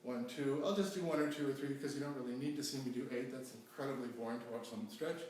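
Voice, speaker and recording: A man's voice: medium pitch, rapid-fire, darkish tone. A man teaching self-stretching at home, explaining as he demonstrates, with frequent restarts and fillers. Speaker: stretching instructor. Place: home room during self-isolation. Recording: echoey room, mic at a distance, faint hum.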